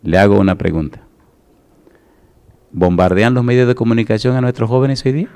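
A middle-aged man preaching from the pulpit with a smooth, resonant voice at an ordinary male pitch. He is emphatic and firm, and he drives his points home with repeated yes-or-no questions to the congregation. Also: steady tone, a little fast, a little mellow. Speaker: pastor. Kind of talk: sermon.

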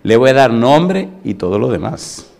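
A middle-aged male pastor delivers a sermon in a chatty, conversational way. He often stops to put rhetorical questions to the congregation. His voice sits at an ordinary male pitch. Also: very animated, normal speed, vocal fry, darkish tone.

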